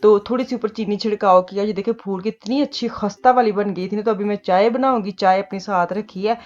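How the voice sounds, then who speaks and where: Middle-aged Punjabi-accented woman, casual home vlogger, mid-pitched, chatty and rambling, slightly muffled audio. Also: steady tone, a little fast, a little mellow. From Pakistan. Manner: chatty, laughs often, mixes Punjabi words into her talk. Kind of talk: casual chat. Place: home kitchen.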